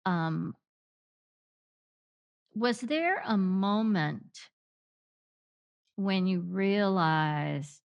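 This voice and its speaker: A woman hosting a reflective podcast conversation, asking gentle, searching questions with long pauses. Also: mid-range voice, lively intonation, gravelly, clear, resonant tone, lo-fi sound. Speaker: podcast host.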